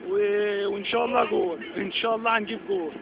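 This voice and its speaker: A young man with an Egyptian Arabic accent chatting excitedly and calling out to his friends while riding a roller coaster, recorded on a phone outdoors. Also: high voice, fast talker, vocal fry, highs cut off, noisy background. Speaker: amateur vlogger filming friends. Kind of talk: casual excited chat with friends. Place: outdoors on an amusement park ride. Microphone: handheld phone.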